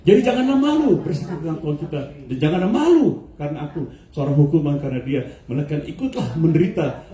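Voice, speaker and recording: A male pastor with a high, animated voice, mellow in tone, preaching from some distance in an echoey church hall. He keeps firing rhetorical questions at the congregation and mixes English into his sermon. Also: fast.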